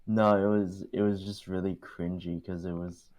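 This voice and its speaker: A man's voice: low-pitched, level tone, moderate pace, darkish tone. A young man from California, a podcast guest chatting casually and laughing at his own stories. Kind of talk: casual chat.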